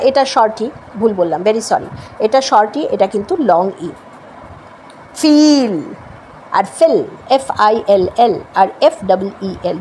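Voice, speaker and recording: A woman with a Bengali accent teaches English in a high, bright voice. She explains point by point and slows down carefully for each English example. A faint noise sits under the recording. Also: poor audio. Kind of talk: spoken language lesson.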